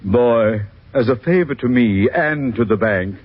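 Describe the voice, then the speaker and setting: A man's voice: medium pitch, animated, unhurried. An actor playing a pompous older male bank president in a 1950s radio comedy, blustering and condescending. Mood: exasperated. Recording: dull old 1950s radio recording.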